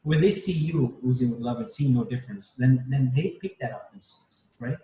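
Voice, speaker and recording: A man's voice: medium pitch, moderate pace. Man on a distant, roomy video call. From Spain. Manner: warm, reflective, many restarts, frequent "right?". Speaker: panel guest. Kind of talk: casual group video chat. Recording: roomy, distant mic, faint background noise.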